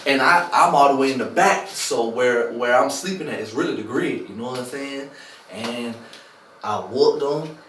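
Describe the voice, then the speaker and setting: A man's voice: mid-range voice, normal speed. A young man telling a prison story in a casual, slang-heavy chat, acting out the voices of the people in it. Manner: animated slang-heavy storytelling, acts out quotes. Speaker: former inmate telling a story. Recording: echoey room, mic at a distance, faint hiss.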